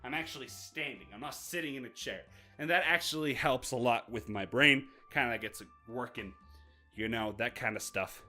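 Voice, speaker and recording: A young man vlogging to his viewers, rambling and self-mocking in an unscripted outro, talking in a raspy voice while he stands in front of the camera. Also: medium pitch, normal speed, pushed and bright, faint music behind. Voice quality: raspy put-on voice. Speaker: YouTuber. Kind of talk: unscripted vlog outro talk. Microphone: filmed standing.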